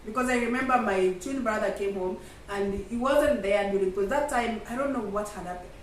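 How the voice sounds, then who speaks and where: A woman's voice: mid-range voice, a little fast, roomy sound. Woman, Kenyan accent, vlog host, conversational, distant mic, faint background noise. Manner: conversational, addresses viewers as "guys". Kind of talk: casual sit-down chat.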